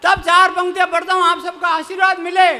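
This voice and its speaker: A man's voice: very high-pitched, a little fast. A man with a Mewari accent telling comic stories and reciting verse at a live poetry gathering. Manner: lively storytelling, chuckling. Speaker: stand-up comic poet.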